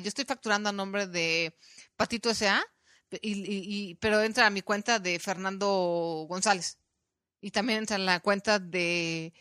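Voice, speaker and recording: Woman, Mexican accent, podcast host, lively storytelling, bright forceful voice, dry close sound. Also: mid-range voice, dry recording. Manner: animated storytelling, acting out quoted voices. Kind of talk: casual chat.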